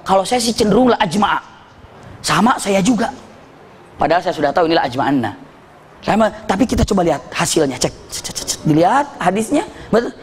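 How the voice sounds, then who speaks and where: A man preaching at a religious study session, telling lively, humorous stories and acting out the voices of the people in them. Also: high voice, breathy edge. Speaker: Islamic preacher. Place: mosque study hall. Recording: echoey hall with faint noise.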